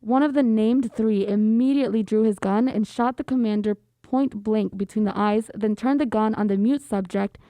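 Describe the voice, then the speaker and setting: A woman's voice: medium pitch, moderate pace, few pauses, warm tone, no room sound. A woman hosting a podcast, reading a horror story aloud steadily and chatting casually with guests. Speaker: podcast host.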